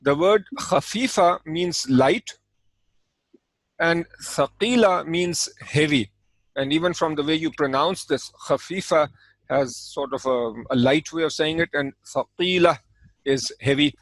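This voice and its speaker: A man teaching an Arabic grammar lesson, explaining calmly and step by step, with Arabic terms spoken in between. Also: a little high, unhurried, no room sound, rough recording. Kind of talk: recorded language lesson.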